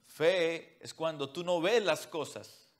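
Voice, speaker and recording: Guy preaching a sermon, kinda high voice, goes loud then almost whispers, bossing the congregation around. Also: slow. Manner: preaching with sweeping shifts between loud emphasis and near-whisper; mocks what churchgoers say in a whiny put-on voice. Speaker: pastor.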